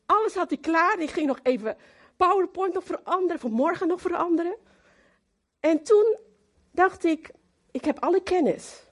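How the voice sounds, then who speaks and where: A woman giving a lively, emphatic sermon who talks straight to the congregation and slips into English now and then. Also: extremely high pitch, moderate pace, long pauses. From Moluccan community in the Netherlands. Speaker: preacher.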